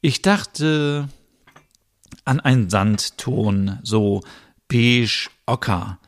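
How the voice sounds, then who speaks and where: A man voicing a sweet, soft-hearted young woman who gushes easily. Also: mid-range voice, very slow. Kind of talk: voicing characters in a narrated story.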